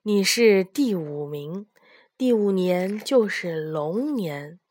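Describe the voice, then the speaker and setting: A woman voicing a kind old male emperor of heaven in a storybook, making slow, grand pronouncements. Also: mid-range voice, expressive, a little mellow, no room sound, studio quality. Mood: pleased.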